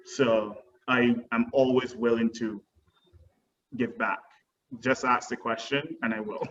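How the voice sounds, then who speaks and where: Over a faintly noisy, dull and distant video call, a young guest dance teacher from Barbados earnestly takes webinar questions, frequently saying um. His voice is medium-pitched, steady, slow and fairly bright.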